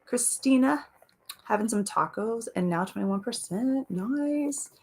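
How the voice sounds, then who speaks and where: Raspy-voiced woman chatting on a livestream. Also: medium pitch, unhurried. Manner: chatty, reads comments aloud, laughs often. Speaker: livestream host. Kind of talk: casual chat reading viewer comments.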